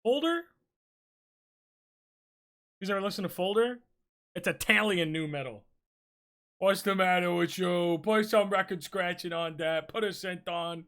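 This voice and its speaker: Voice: medium pitch, unhurried, long pauses, fairly bright tone. A streamer chatting casually with viewers late at night while drawing, rambling and joking, cursing freely and humming between thoughts, speaking from a room at home. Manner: rambling, joking, swears freely, talks to chat; hums to self while working.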